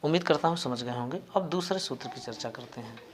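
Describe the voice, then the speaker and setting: A man teaching a grammar lesson, explaining slowly and deliberately and spelling out individual sounds one by one. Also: medium pitch, animated, noisy background. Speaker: Sanskrit teacher.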